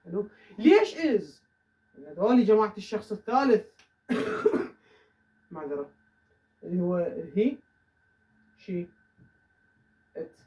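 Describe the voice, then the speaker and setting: A man with an Iraqi Arabic accent teaching an English grammar lesson in a classroom, saying the English examples slowly and carefully. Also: sits high, very animated, a little mellow. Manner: says English example sentences slowly and deliberately. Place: classroom with a whiteboard. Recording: voice from far off the mic.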